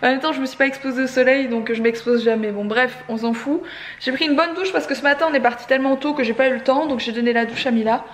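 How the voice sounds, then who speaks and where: Young woman, family vlog, chatty, tired, self-mocking, fairly high voice. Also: fast talker, a little hiss or hum. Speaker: vlogger and mother. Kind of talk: casual family vlog chat.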